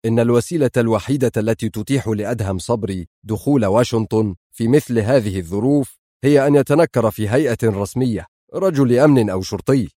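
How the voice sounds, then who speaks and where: A man's voice: mid-range voice, fast talker, mellow, no echo, clean studio sound, close to an everyday voice. A man voicing a tense male spy agency chief who briefs with hesitant fillers.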